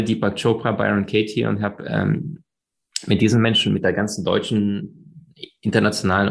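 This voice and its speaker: A man with a low, gravelly voice talks at length as a guest in an interview. He speaks emphatically and expansively, piling up fillers and restarts as he goes. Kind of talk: conversational interview.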